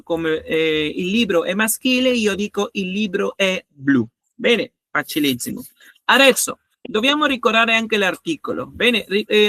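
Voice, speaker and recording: A man's voice: sits high, sharp tone, dry recording, studio quality. A man teaching a grammar lesson, patiently repeating each example and checking that students follow. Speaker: language teacher.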